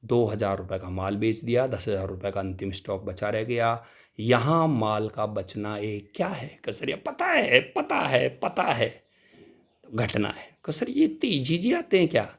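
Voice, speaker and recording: A young adult man giving an exam-prep accounting lecture, lively, asking questions and answering them himself, addressing students fondly. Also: fairly low pitch, a little slow, vocal fry. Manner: animated, asks and answers his own questions, calls students "beta". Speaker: accounting teacher.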